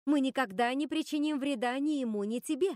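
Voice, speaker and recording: A woman's voice: high-pitched, a little fast, a little mellow, no echo, studio quality, natural voice. A woman voicing a nervous witch sister who pleads and apologizes. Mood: pleading. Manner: anxious, pleading.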